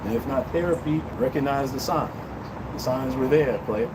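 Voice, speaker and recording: Broadcasting a livestream from a city balcony, a man in his fifties hands his viewers blunt, preachy opinions directly. He speaks at medium pitch and normal speed. Loud city traffic and outdoor street noise fill the background.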